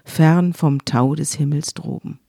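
An old blind father speaks in grave, measured words, as a woman retells him. The voice sits low, and the sound is close and dry. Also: vocal fry, warm tone, no echo, exaggerated voice. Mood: solemn.

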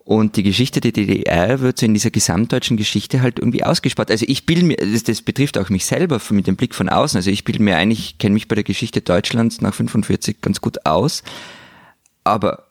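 A man who co-hosts a debate podcast, speaking thoughtfully and posing questions. His voice is low with a gravelly texture, recorded dry and close. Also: brisk, dry recording. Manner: reflective, questioning. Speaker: podcast co-host. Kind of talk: casual debate.

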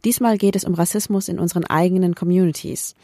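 A woman's voice: lowish voice, steady tone, quick pace, mellow, no echo. Woman, podcast co-host, from Berlin, frank casual talk, thinking aloud, dry sound.

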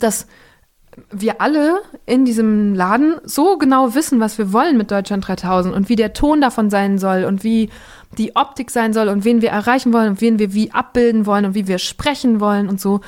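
A woman's voice: medium pitch, darkish tone. A woman in her twenties, a podcast guest, talking casually in long winding sentences full of fillers and restarts. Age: 20s. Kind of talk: casual conversation.

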